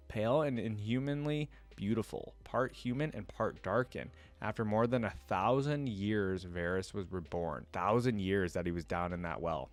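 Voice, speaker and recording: A man with a lowish voice hosts a reaction video, reading lore aloud and musing over it with casual commentary as if thinking out loud. The recording is dry.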